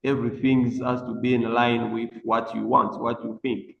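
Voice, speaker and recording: A gravelly man speaks in a halting way, often restarting his sentences. His voice rings with a long echo that lingers around the room. The sound is muffled, as if it came through a video call. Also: mid-range voice, little pitch movement. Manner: halting, with many restarts and fillers. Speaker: psychiatrist and dermatologist, webinar speaker. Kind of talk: unscripted talk on a video call.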